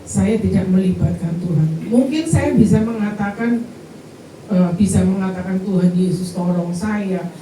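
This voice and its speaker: A middle-aged woman shares her personal testimony with the congregation in a church hall, speaking to them directly as she tells her story. Her voice is medium-pitched and dark, at a moderate pace, with a little hiss or hum. It's recorded from a distance in the echoey hall.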